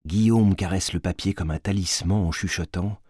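A man narrating a storybook in an expressive, varied way with a husky voice. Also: sits low, moderate pace, no room sound, studio quality.

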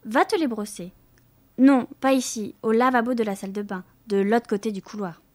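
A woman voicing a bossy young French girl who bosses her brother and stumbles through halting English. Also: on the high side, a little mellow, natural voice. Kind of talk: audiobook character voice.

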